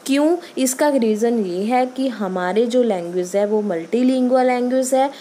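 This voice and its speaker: A woman teacher with a Punjabi accent giving a lecture on English pronunciation, reading English lines slowly and explaining them quickly in Hindi. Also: a little high, mellow, a little hiss or hum.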